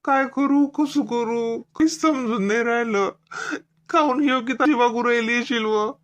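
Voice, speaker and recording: A voice actor playing a heartbroken young husband in an animated comedy, whiny and tearful, with a Varhadi Marathi accent. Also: male voice, very high-pitched, unhurried, muffled recording.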